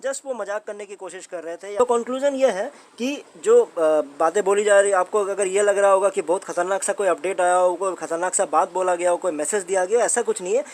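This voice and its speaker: This high-voiced man with an Indian accent talks a little fast with few pauses as host of a commentary channel on a company's updates. His explainer is informal and conversational, full of repeated points and rhetorical questions aimed at the listener.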